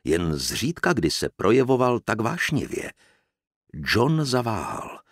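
A man narrating a novel in the first person, in a measured, expressive reading voice. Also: on the low side, dry recording, clean studio sound. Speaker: audiobook narrator.

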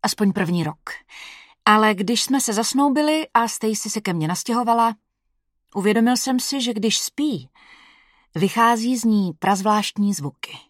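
A woman narrating a story in a steady, measured way, at a mid pitch for a woman. Her voice is recorded close and dry, with no room echo. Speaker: audiobook reader. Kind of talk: first-person story narration.

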